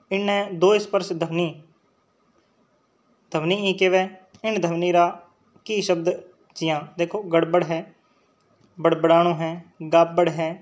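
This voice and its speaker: High-voiced Rajasthani teacher drilling sounds. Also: male voice, muffled recording. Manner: drills sounds aloud, checks in with "theek hai" often. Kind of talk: online exam-prep lecture.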